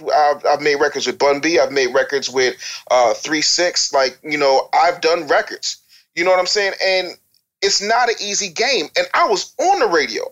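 The high, somewhat bright voice of an American man comes through with its highs cut off. A former radio DJ and record maker, he is an interview guest speaking candidly and conversationally in a blunt, emphatic, streetwise way.

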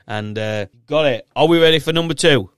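A man's voice: fairly high pitch, fairly quick, fairly bright tone, clear, resonant tone, no echo, clean studio sound. A man with a thick Yorkshire accent hosting a casual podcast in a chatty, encouraging, matey way. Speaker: podcast host and quizmaster.

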